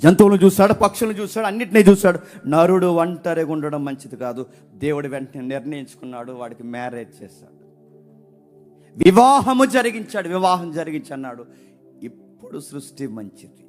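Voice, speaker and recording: A male preacher delivers a sermon in a high-pitched voice. He presses his points with rhetorical questions and swings from loud declarations to hushed asides. Faint music plays beneath him. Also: a little fast.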